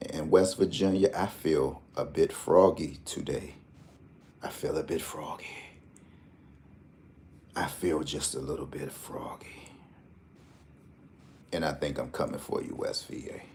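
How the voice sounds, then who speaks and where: A lottery tips host with a deep, mellow, low-pitched voice rambles casually through lottery numbers in a joking vlog. He bounces between slang-heavy asides and his number picks, staying animated and chatty the whole way.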